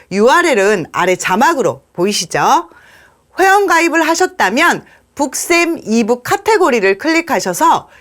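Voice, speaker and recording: A young adult woman, a teacher, walking through a learning app in a polite, clear, explanatory scripted presentation. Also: a little high. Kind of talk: scripted product walkthrough.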